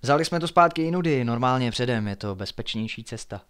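A man's voice: mid-range voice, lively intonation, fairly bright tone, clear, resonant tone, close to an everyday voice. Urgent young male friend, read by a man, reassuring and pressing, spoken horror story. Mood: urgent reassurance.

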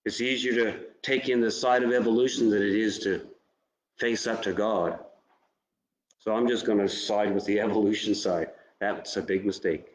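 A man preaching a sermon with a fairly low voice, making earnest, direct appeals to his listeners. His words ring out in a roomy church sanctuary with plenty of echo. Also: steady tone, normal speed. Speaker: pastor.

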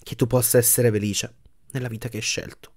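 A man voicing a sorrowful young woman in an audiobook, speaking softly and quietly as she lets her lover go. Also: mid-range voice, little pitch movement, a little fast, voice pushed down, close to an everyday voice. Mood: resigned. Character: young woman, sad, gently firm.

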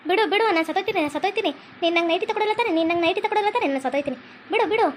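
A woman's voice: extremely high pitch, lively intonation, rapid-fire, a little hiss or hum. A woman playing a sulky, demanding young village wife who nags and threatens, with a North Karnataka Kannada accent. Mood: threatening. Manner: nagging, threatening.

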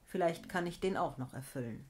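A low, hushed old woman speaks gently and knowingly, as a woman storyteller puts her on. Her fairy-tale voice sits deep and quiet, with a secretive, motherly calm. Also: brisk, natural voice. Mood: amused. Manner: soft, secretive.

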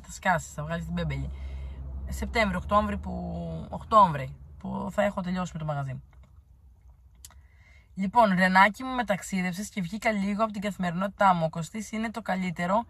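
A woman's voice: fairly low pitch, fairly bright tone, breathy edge. Blunt, teasing woman vlogger. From Crete, Greece. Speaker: vlogger answering viewer comments. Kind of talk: casual chat.

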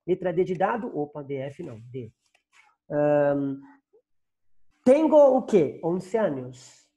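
A man's voice: fairly high pitch, very animated, slow, warm tone, highs cut off. A Brazilian Portuguese-accented man teaches a class over a video call, his voice rising and falling a lot as he explains. He goes patiently, repeating and translating every phrase, and the sound comes through a plain computer mic. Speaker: Spanish teacher.

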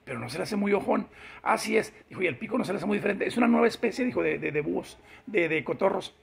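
A man's voice: high voice, animated, quick pace, creaky, a little hiss or hum. A man telling a long joke, chuckling as he goes and acting out each character's lines. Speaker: joke teller.

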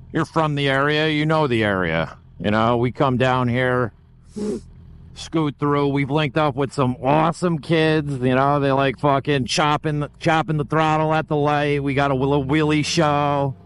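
A motovlogger rides a motorcycle down the highway, chatting through a helmet mic in a laid-back, swearing, casual way, with wind and engine noise behind him. His voice is fairly high, steady, clear and resonant, his pace measured, and the recording quality is low.

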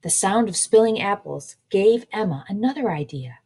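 A woman librarian reading a children's picture book aloud in a slow, expressive way. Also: mid-range voice, breathy edge.

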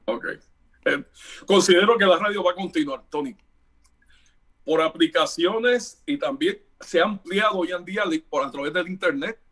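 A middle-aged radio announcer from Puerto Rico talks as a guest in a casual interview. His voice sits somewhat high for a man. He tells his stories with animation and acts out the dialogue in them. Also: normal speed, fairly bright tone, breathy edge.

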